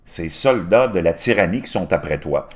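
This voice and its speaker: His low, expressive voice moves at a normal pace. He's a commentary channel host in his fifties from Quebec, speaking with a Québécois French accent, ranting over a news article in a scornful, mocking tone and laughing at his own jokes.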